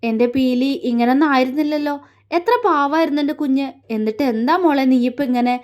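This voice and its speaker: A woman voicing a young man in an audio story, speaking gently and affectionately. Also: high voice, brisk, close to an everyday voice. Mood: tender. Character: young man, tender caring lover. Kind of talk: audiobook character reading.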